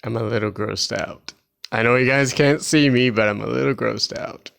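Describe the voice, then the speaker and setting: Dry, teasing man with a smooth voice. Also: medium pitch, normal speed, fairly bright tone. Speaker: podcast co-host. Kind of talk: casual chat.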